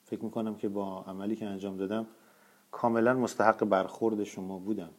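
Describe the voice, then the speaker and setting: A man reading the lines of a flustered woman employee who stammers out a hurried apology in an audiobook. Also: fairly low pitch, level tone, close to an everyday voice. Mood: apologetic.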